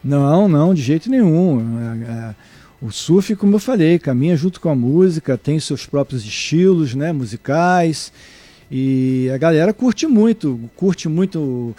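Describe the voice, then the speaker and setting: A middle-aged man from Brazil, a guest surfer and surf instructor, answering interview questions in a halting way with many restarts. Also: fairly high pitch, lively intonation, dark tone, dry recording. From Brazil (born in Salvador, raised in Niterói). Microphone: remote mic, at first too far away.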